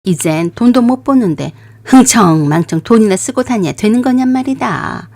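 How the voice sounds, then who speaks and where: A woman voicing a stern, scolding older mother-in-law in a radio drama, lowering her voice into sharp rebukes. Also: expressive, moderate pace.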